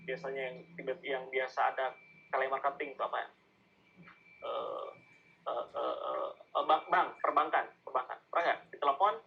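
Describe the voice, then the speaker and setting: A man's voice: mid-range voice, steady tone, moderate pace, gravelly, slight background noise. Indonesian-accented male marketing teacher, chatty, quizzes listeners; slightly dull recording. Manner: conversational, asks the audience questions, acts out sales calls. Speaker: digital marketing speaker. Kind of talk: online masterclass lecture.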